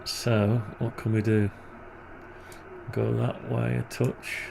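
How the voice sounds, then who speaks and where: A man with a gravelly, creaky voice talks himself through a programming task, half-muttering and tossing in wry grumbles. He speaks at an average pitch, and a steady hiss of background noise runs under the recording. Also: slow pace. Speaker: programming tutorial presenter. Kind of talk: thinking aloud while working on screen.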